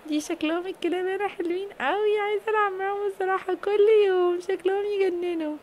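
Brief: woman doing an excitable little girl, Egyptian Arabic, very high and quick. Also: a little hiss or hum. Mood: gushing. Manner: high squealing gushing. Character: young girl, excitable and fretful. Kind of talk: toy play storytelling.

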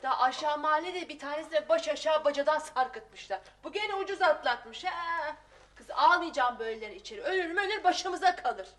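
A middle-aged actress playing a loud, gossipy, cold-hearted working-class mother in a sitcom, exclaiming and scolding, full of folksy sayings. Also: high-pitched, animated, fairly quick. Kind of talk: sitcom acting.

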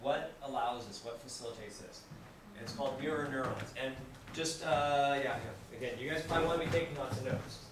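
A man giving a classroom lecture to students, lively and acting out examples as he explains. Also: medium pitch, brisk. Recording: very echoey room, distant mic, background noise.

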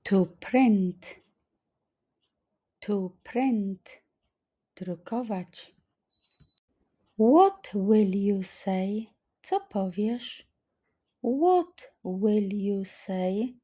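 A woman teaching vocabulary in a slow flashcard-style lesson, saying each phrase twice with deliberate care. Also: medium pitch, lively intonation, warm tone, breathy edge. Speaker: language teacher.

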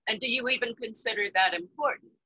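A woman in her sixties moderating a panel over a video call from home, asking lively, probing questions. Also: a little high, fast, breathy edge, no room sound, rough recording. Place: home room, indoors. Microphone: webcam on video call.

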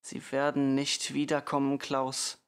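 A man's voice: mid-range voice, completely flat delivery, takes it slowly, a bit bright, clear, resonant tone. A man reading the lines of a distraught middle-aged mother who pleads anxiously. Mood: despairing.

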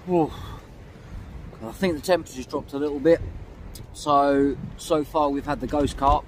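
A man's voice: on the high side, steady tone, normal speed. A man vlogging from a windy lakeside, talking to camera in a chatty, matter-of-fact way as he fishes. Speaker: angling vlogger. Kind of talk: outdoor fishing vlog narration. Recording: outdoor mic with faint wind noise.

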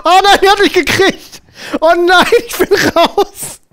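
A young man in casual reaction chat, talking in an excitable, exclamatory way. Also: very high-pitched, measured pace. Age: young adult. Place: small indoor studio. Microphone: headset.

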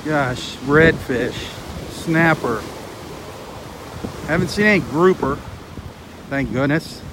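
A man with a fairly high, slow voice hosts a live walking vlog on a windy beach by the surf, commenting earnestly and with dismay as he goes. Crashing waves and wind fill the background and buffet the mic.

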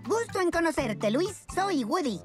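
A manic male cartoon woodpecker with a high voice that leaps up and down. He is a cheeky, mischievous schemer who exaggerates everything, with loud music underneath. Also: big pitch swings, unhurried, heavily acted. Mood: curious. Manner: exaggerated, stammers when flustered. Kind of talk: animated cartoon dubbing.

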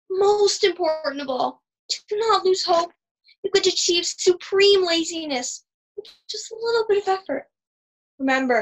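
High voiced woman doing a deadpan comedy tips bit, dry and offhand. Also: poor audio. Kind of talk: deadpan comedy advice sketch.

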